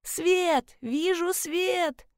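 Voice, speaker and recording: A frightened young woman pleads in a high, tearful, childlike voice, as a woman reader puts her on. The voice sits well above the reader's own and sounds close and dry, with no room around it. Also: moderate pace, darkish tone, dry recording, close to an everyday voice. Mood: pleading. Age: young adult. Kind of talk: audiobook character reading.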